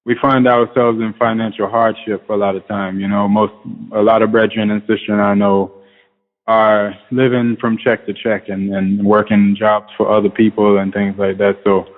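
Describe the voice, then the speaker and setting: Male interviewer, Rasta speech, informal and hesitant, very even pitch, thin phone-like audio. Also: moderate pace. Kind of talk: conversational interview with Rastafari idiom. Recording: band-limited radio-like sound with long reverb.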